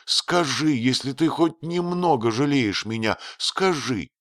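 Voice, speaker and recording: A man's voice: mid-range voice, very animated, a little slow, no room sound, studio quality, pitched above the performer's own voice. A man voicing a devoted young wife in the woods, lifting his voice to plead with her husband. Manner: raised voice, soft and imploring.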